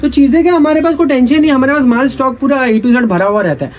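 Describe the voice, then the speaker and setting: A man, giving a rapid, repetitive sales pitch while showing gear in a cluttered indoor shop, filmed close up. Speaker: gym equipment seller.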